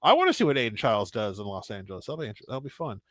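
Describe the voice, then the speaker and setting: A man joining a casual sports livestream as a guest, rambling and laughing, often trailing off quietly. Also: medium pitch, wildly swooping pitch, rapid-fire, no echo. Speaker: guest panelist.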